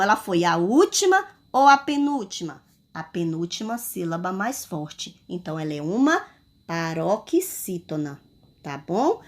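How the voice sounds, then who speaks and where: A woman teacher with a Brazilian Portuguese accent, giving a recorded lesson to children at home and stretching out the stressed words in a sing-song way. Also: medium pitch. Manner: sing-song, drawn-out stressed words, calls pupils "my loves".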